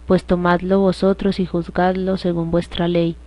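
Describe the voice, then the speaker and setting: A woman reading the lines of a male Roman governor questioning a prisoner, in a calm, measured way. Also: lowish voice, close to an everyday voice. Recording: dull lo-fi dry recording.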